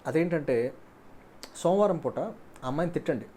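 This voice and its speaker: A man giving casual relationship advice, animated and storytelling, acting out the people he quotes. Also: on the high side, normal speed, slight background noise.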